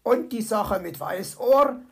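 Storybook fox, male, greedy and sorry for himself, slow rasping voice, read by a woman. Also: a little high, animated, heavily acted. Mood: sheepish. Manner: sheepish, whiny. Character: greedy sheepish male fox with a stomach ache.

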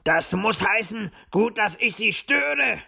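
A man's voice: high voice, normal speed, bright, forceful tone. A man voicing a grumpy, grumbling male fox in a storybook audiobook. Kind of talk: audiobook character voice.

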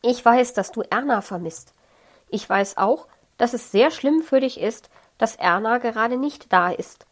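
A woman's voice: a little high, expressive, unhurried. A woman reading a children's audiobook, voicing a caring but firm female caregiver in her own, lightly raised voice. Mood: soothing. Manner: gently firm, soothing.

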